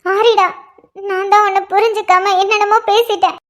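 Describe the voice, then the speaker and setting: A woman's voice: very high voice, level tone, normal speed. A woman voicing a young wife in a cartoon, whiny and tearful at times, bubbly and delighted at others. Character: young wife, emotional, sulky then joyful. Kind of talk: cartoon dialogue voice acting.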